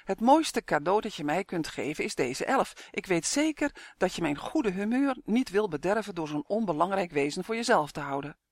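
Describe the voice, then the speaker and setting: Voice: mid-range voice, moderate pace, dry recording, natural voice. A reader voicing a greedy, scheming male kobold king in a storybook, talking with slimy friendliness in a dry, close recording.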